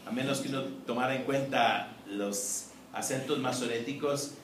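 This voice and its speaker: Male professor, measured classroom lecture, recorded from across an echoey room. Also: medium pitch. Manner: measured, explanatory, frequent "eh" and "¿no?" tags. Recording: echoey room, distant mic, faint noise.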